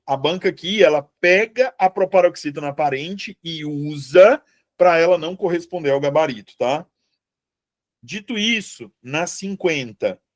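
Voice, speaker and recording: A man with a Brazilian Portuguese accent teaching a live exam-prep review class, chatty, checking in with students and correcting himself aloud. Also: a little high.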